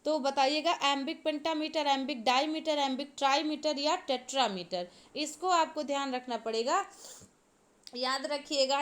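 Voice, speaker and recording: High-voiced woman teaching an exam class. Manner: explains step by step, repeats points, asks the class to answer. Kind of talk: exam-prep lecture.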